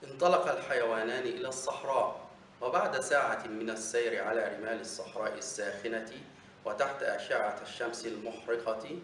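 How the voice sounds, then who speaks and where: A man's voice: mid-range voice, fairly bright tone. Man reading a story, echoey room. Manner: measured, formal read-aloud. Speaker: teacher reading a bedtime story. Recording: echoey room, distant mic, faint noise.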